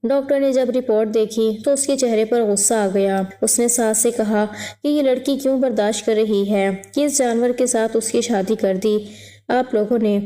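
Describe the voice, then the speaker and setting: This is a woman's voice, pitched a little high and soft in tone, with a mellow, dark timbre. She narrates a scripted first-person story at a steady, even pace, never rushing or dramatizing. The delivery stays measured and composed throughout.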